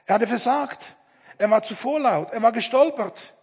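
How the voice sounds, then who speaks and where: A middle-aged man preaching a sermon, earnest, with dramatic pauses as he acts out quoted dialogue. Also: very high-pitched, husky. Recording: long hall reverb.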